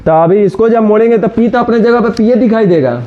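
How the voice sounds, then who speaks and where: Scolding teacher. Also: male voice, high-pitched. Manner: scolding, brisk, addresses students directly. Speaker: reasoning teacher. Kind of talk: classroom lecture. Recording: dull lo-fi sound.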